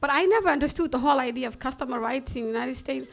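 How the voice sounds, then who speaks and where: On stage, a woman from Somalia shares a personal story in her Somali accent, speaking bluntly and animatedly and frequently laughing between lines. Her voice sits high and gravelly, and she races along.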